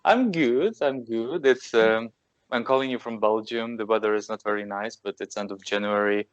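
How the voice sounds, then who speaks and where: A man's voice: on the low side, moderate pace, no room sound. A man hosting a podcast who interviews a guest over a call, in a friendly and encouraging way. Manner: friendly, encouraging, asks open questions. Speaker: podcast host. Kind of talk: casual interview. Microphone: remote call. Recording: dry, dull lo-fi sound.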